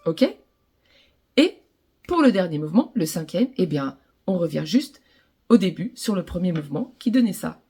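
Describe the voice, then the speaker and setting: A woman with a French accent gives a gentle ukulele lesson to children, speaking to them directly and encouraging them. Soft ukulele playing sounds faintly behind her voice. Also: on the low side, sing-song, moderate pace, pauses often, husky, soft background music.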